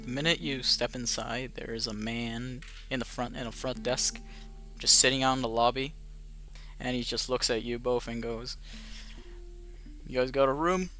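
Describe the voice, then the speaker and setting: Bright-voiced male game master. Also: mid-range voice, moderate pace, soft background music. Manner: animated, voices crowd and characters. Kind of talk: narrating a tabletop game.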